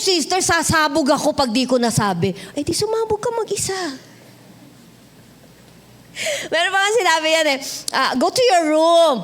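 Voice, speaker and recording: High-voiced Filipino woman pastor preaching. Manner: conversational, switching between Tagalog and English, joking with the congregation. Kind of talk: sermon. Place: church sanctuary.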